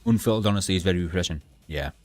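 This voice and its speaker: A young man streaming a game, chatting bluntly and rambling with halting restarts to his live chat. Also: sits low, darkish tone, soft background music. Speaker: gaming livestreamer.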